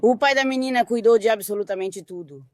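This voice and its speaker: A mother recounting her family's story in a quiet, intimate documentary testimony. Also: a little high, brisk, no echo. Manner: quiet, intimate retelling with quoted dialogue. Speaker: grieving mother interviewed.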